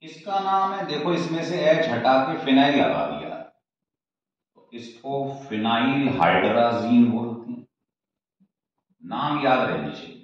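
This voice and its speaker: A man's voice: medium pitch, sing-song, measured pace. A man teaching a chemistry class at the board, explaining step by step, repeating himself and asking students questions. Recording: echoey, dull, distant room mic.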